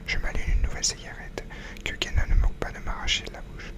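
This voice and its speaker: An ASMR narrator reads a novel entirely in whispers. The delivery is soft and breath-only, unhurried like a bedtime story, now and then tripping on a phrase and reading it again.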